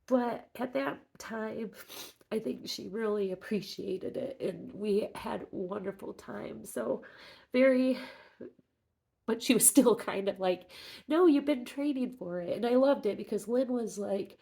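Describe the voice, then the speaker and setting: A middle-aged woman talking casually in a personal vlog update, halting and reflective, sounding emotional as after crying. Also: mid-range voice, creaky, dark tone. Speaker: fitness vlogger.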